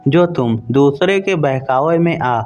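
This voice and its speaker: A man's voice: medium pitch, animated, unhurried, darkish tone, muffled recording, soft background music, close to an everyday voice. A man voicing a stern, fair-minded elderly father. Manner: stern, scolding.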